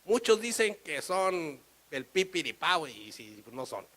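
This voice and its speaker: A man with a Mexican accent preaches a sermon in a lively storytelling way. His voice sits somewhat high, and he shifts into acted dialogue. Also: slow pace, rough recording. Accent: Mexican Spanish. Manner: animated, storytelling, acts out dialogue.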